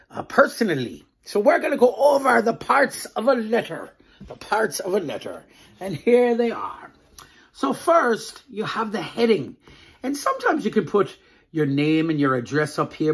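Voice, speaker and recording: A woman hosting a children's book club, reading a picture book aloud in a playful, animated way and chuckling often. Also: medium pitch, husky. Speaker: children's book reader and host.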